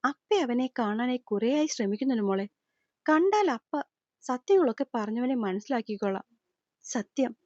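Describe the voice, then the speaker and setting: A woman voicing an older man, a gentle worried father figure, softly consoling and explaining in an audio storybook. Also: fairly high pitch, expressive, normal speed, no echo. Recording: slightly dull lo-fi recording.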